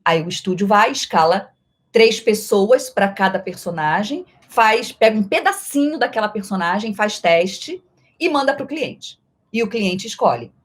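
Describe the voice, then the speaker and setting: A middle-aged Brazilian woman, a voice actress, answering viewer questions in a playful live-stream chat that often shifts in loudness and speed. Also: medium pitch, lively intonation, a little slow. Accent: Brazilian Portuguese.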